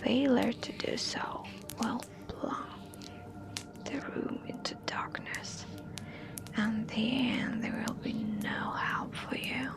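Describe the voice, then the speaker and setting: A woman reads a scary story as whispered ASMR. Her delivery is very slow, soft and deliberate. The hushed voice sits fairly high and carries a crackly, creaky edge. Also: steady tone.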